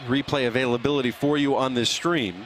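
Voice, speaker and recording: A man doing live play-by-play soccer commentary, calling player names in brisk short bursts. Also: mid-range voice, fairly even intonation, slight background noise.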